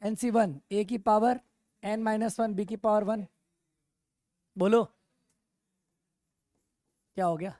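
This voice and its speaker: A male math teacher lecturing a class, animated and constantly checking in with rhetorical questions. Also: sits high, takes it slowly, pauses often, no room sound. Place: classroom with online students.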